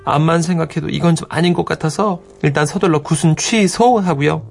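A male radio host reading a listener's letter aloud in a lively storytelling manner. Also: a little high, fairly quick, vocal fry.

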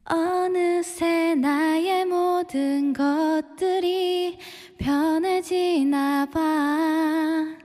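A woman's voice: extremely high pitch, steady tone, drawn-out words, darkish tone, soft background music. A young woman of about twenty shyly sings a short song excerpt on a radio show, her voice treated with a karaoke echo effect. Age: around 20. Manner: nervous, shy singing. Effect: karaoke echo added to the voice. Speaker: radio show guest presenter.

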